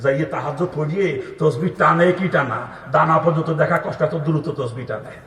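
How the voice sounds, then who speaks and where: Man, mocking fiery preacher, rapid delivery, far-off reverberant loudspeaker sound. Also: a little high, a little hiss or hum. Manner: thundering, mocking, shouts rhetorical questions to crowd. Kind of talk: open-air sermon. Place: outdoor gathering. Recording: echoey distant PA sound.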